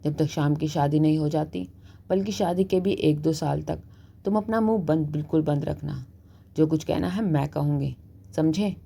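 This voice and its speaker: A woman's voice: low-pitched, moderate pace, vocal fry, mellow, husky, heavily acted. A woman as a scolding, scheming mother. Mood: hushed. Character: sharp-tongued middle-aged mother, scolding and scheming.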